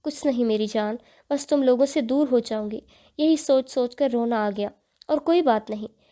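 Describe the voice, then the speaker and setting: A woman's voice: fairly high pitch, dark tone, close to an everyday voice. A woman voicing a frightened young bride who pleads through tears in a storybook reading. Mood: tender. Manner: tearful, pleading.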